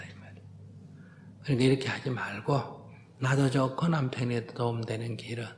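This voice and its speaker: A man's voice: medium pitch, a little hiss or hum. An older man, a Buddhist monk, bluntly advising a questioner in a Q&A talk, scolding and teasing. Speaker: Buddhist monk giving advice. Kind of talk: Q&A dharma talk.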